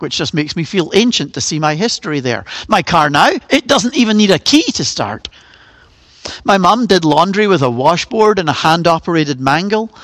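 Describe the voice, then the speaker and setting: A man's voice: high voice, a bit bright, no room sound. A middle-aged man preaching a sermon as pastor, earnest and full of rhetorical questions. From Northern Ireland.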